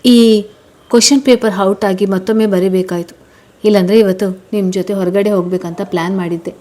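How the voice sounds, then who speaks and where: A woman's voice: mid-range voice, fairly even intonation, a little fast, warm tone, close to an everyday voice. A woman voicing a cheerful young bride-to-be who talks in a sweet, chatty way.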